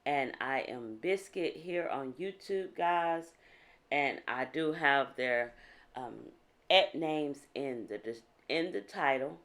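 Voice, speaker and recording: A woman from South Carolina chatting casually to camera as a nail vlogger, her voice deep and froggy from just waking up. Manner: relaxed, chatty, with fillers. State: deep morning voice.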